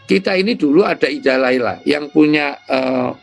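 A man, an Islamic cleric, explaining ideas in an interview with lively storytelling. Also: a little high, moderate pace, vocal fry, faint music behind. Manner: lively storytelling with imitated sounds.

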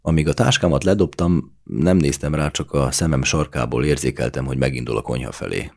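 A man narrating a novel in the first person as an audiobook, reading in a measured, even way. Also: rumbling low, vocal fry.

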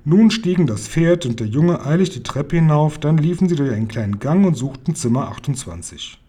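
Man reading a kids' book aloud, calm and measured, mellow breathy voice, lively pitch. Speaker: reader.

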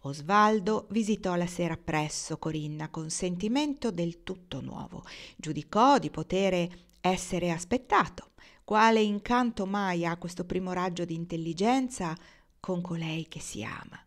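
A woman reading a classic novel aloud in a measured, literary manner. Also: fairly low pitch. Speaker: reader.

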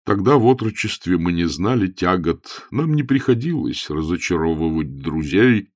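A man's voice: deep voice, sing-song, normal speed, no room sound, studio quality. A man reading an audiobook voices a troubled, pompous elderly bishop who sighs over his troubles and quotes scripture. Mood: rueful. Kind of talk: audiobook character voice.

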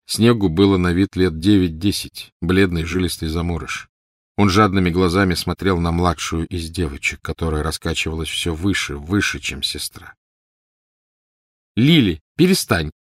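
A man reading a novel aloud in a calm, measured narration. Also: low voice, no echo, clean studio sound. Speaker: audiobook narrator. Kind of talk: scripted narration.

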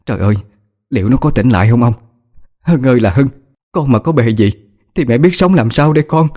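A man's voice: mid-range voice, expressive, fairly quick, mellow, voice pushed up, lightly acted. A man voicing a frantic old mother pleading for her son, wailing and pleading.

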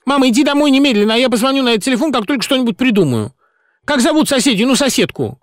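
A man's voice: very high voice, sing-song, very fast, dry recording, clean studio sound, voice pushed up. A man voicing a quarrelsome woman company director who screeches in anger and turns frantic on the phone.

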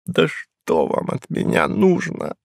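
Guy doing a raspy scared grumpy drunk, pitched way up, sulky and snappy. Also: unhurried, dry recording, clean studio sound. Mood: desperate. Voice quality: hoarse, rasping. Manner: sullen, then bursting into shouts. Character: frightened, beaten, surly hard-drinking man.

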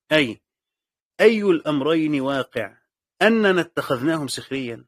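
A man's voice: fairly high pitch, no echo, clean studio sound. A man with an Egyptian accent teaching a lesson on Quranic exegesis. He explains step by step, repeats key phrases, and asks and answers his own questions. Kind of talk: classroom lesson commentary.

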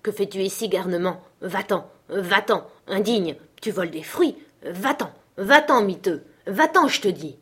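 A woman's voice: mid-range voice, moderate pace, few pauses, husky, natural voice. A woman reading the part of a plump, middle-aged male dignitary in an audiobook, honeyed and cajoling with a child, then harsh and scolding.

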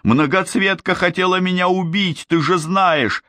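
Man reading as a panicky young prince, high and strained, pleading from a dry, close studio, audiobook character. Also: extremely slow, fairly bright tone, clean tone, dry recording. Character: frightened, whining young male prince.

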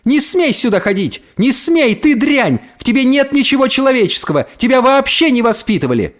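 A man voicing a hysterical middle-aged mother who shouts in a shrill, trembling voice. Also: very animated, a little fast. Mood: furious.

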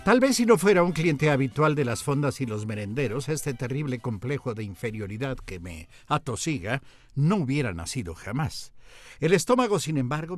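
A man, a radio host telling a humorous first-person story in a lively, theatrical, self-mocking way. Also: mid-range voice, no room sound, clean studio sound.

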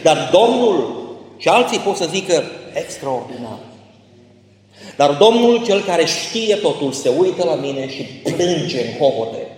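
A man preaching an impassioned sermon as a pastor, swelling to emphatic peaks, in a church. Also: medium pitch. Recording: echoey church hall.

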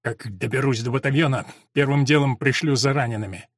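A man's voice: medium pitch, a little fast, dry recording, clean studio sound, lightly acted. A man voicing a tired, terse young lieutenant.

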